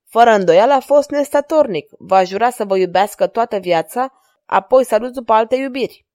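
Using her natural, slightly high voice, a woman takes on the role of a flirtatious king, a gallant and amorous man who speaks in a courtly, flattering way.

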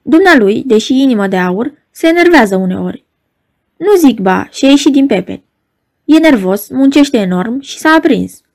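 A woman's voice: on the high side, expressive, darkish tone. A woman voicing a young secretary who is sobbing, frantic and slightly nasal from crying. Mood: breathless.

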